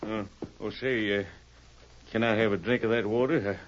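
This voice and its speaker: An actor playing a sly, boastful cattle rustler in an old radio drama, chuckling and drawling. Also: male voice, on the low side, fairly even intonation, moderate pace, lo-fi sound, close to an everyday voice. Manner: chuckling, drawling outlaw talk. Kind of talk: 1930s radio drama acting. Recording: scratchy vintage radio recording with hiss.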